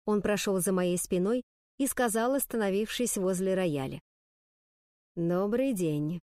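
A woman reading first-person narration for an audiobook in a steady storytelling manner. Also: mid-range voice, normal speed, no echo, studio quality.

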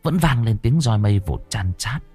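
A man narrating an audiobook story in an expressive, dramatic way. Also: fairly low pitch, normal speed, husky, faint music behind.

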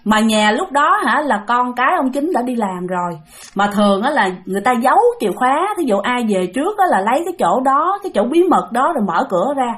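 A woman with a Southern Vietnamese accent telling a ghost story in a chatty way, speaking straight to her listeners. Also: on the high side. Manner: chatty, addresses listeners directly, many fillers. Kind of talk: casual ghost story narration.

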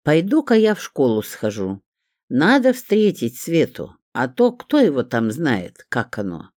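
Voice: medium pitch, wildly swooping pitch, a little slow, darkish tone, no echo, clean studio sound. A reader voicing a decisive older woman setting off to fetch a child from school.

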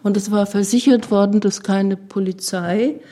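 An older woman, interviewed as an eyewitness, recalls events she saw in a personal-interview style. Her mid-range voice is steady and dark, at a moderate pace.

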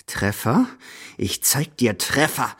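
A man's voice: medium pitch, sing-song, slow, a bit bright, husky, heavily acted. A man voicing an imperious, impatient old grandmother at the roulette table, scolding and hissing orders. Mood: furious.

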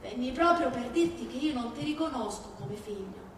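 A woman with a slightly high, expressive voice speaks at normal speed, playing a fierce, grieving older Sicilian mother who disowns her criminal son in a theatrical stage monologue. Her Sicilian-accented delivery is emphatic and plaintive, bitter and scolding, with repeated phrases. The recording comes from far off in a very echoey hall, with faint noise.

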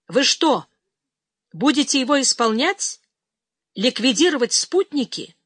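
A woman voicing a hot-tempered male lieutenant colonel who shouts in loud indignation, in an audiobook. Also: a little high, unhurried, no room sound, pitched above the performer's own voice. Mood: indignant.

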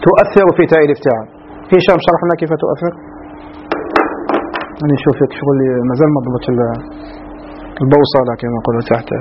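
A man teaching an Arabic grammar lesson, drawing out key words slowly and often asking the class whether it is clear. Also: fairly high pitch, noisy background. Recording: dull lo-fi recording.

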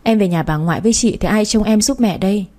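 A woman's voice: medium pitch, quick pace, dark tone, lightly acted. A woman voicing a frightened nine-year-old girl who begs her older sister to take her home. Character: little girl, nine, scared and clinging.

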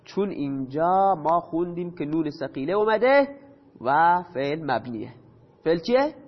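Guy with a high voice teaching grammar, asks and answers his own questions, muffled recording w long echo. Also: animated. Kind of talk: explaining grammar to students. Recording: dull lo-fi sound with long reverb.

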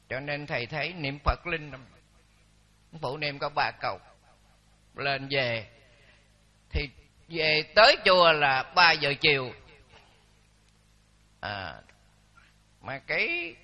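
A man in his seventies, a Buddhist monk, telling stories in a dharma talk with lively quoted dialogue. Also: sits high. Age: 70s. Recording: dull lo-fi recording.

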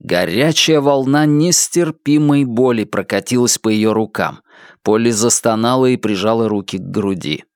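A male audiobook reader delivers scripted narration in a steady, dramatic storytelling style. His voice is mid-range at a normal pace, with studio-quality sound and no room ambience.

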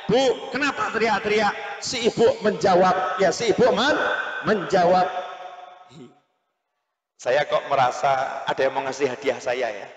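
Guy preaching loud and lively, super echoey hall, long reverb. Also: a little high. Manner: animated storytelling, shouted emphasis, chanting. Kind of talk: sermon at a religious school gathering. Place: large hall or open-air gathering.

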